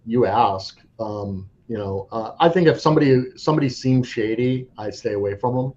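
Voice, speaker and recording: A man with a mid-range, darkish voice speaks at normal speed as a guest coin dealer in a casual interview. He is frank, rambles, and restarts his sentences often, on a dull, lo-fi recording with faint noise.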